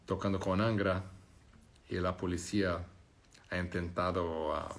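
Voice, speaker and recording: In a deep voice with vocal fry, a flat delivery and a measured pace, a Brazilian man with a Portuguese accent chats on a live stream. He reads viewer comments and jokes and laughs while shifting between Spanish, English and French.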